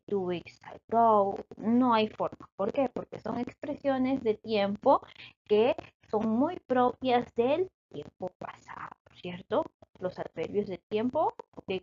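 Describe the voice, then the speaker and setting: A woman teaches a grammar lesson in a fairly high voice, explaining patiently and pausing to make sure her students follow. The recording is dull and lo-fi. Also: a little mellow. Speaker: English teacher.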